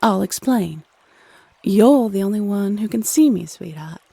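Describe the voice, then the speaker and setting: A woman's voice: mid-range voice, lively intonation, unhurried, vocal fry, dark tone, breathy edge, dry recording, full character voice. A woman playing a playful, teasing Cupid, a bossy love goddess who chats sassily and uses pet names in an audio roleplay. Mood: teasing, brisk. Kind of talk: scripted audio roleplay addressed to the listener.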